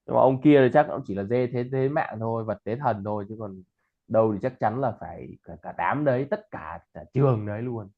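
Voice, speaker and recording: A man's voice: mid-range voice, fairly quick. Man tutoring over a tinny line. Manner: chatty, explains and repeats example words. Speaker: English tutor. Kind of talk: casual chat and pronunciation lesson.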